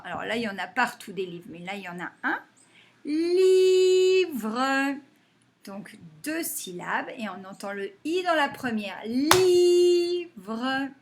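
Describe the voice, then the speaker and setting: A woman teacher giving a phonics lesson to young children, saying words slowly and clapping them out syllable by syllable. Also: fairly high pitch. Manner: slow and deliberate, stretching and clapping out words syllable by syllable.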